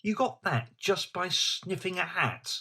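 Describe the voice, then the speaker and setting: An actor playing an eager, slightly slow Victorian police inspector in an audio drama, chatty and blunt. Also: male voice, high voice, animated, sharp tone, husky, heavily acted. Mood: amazed.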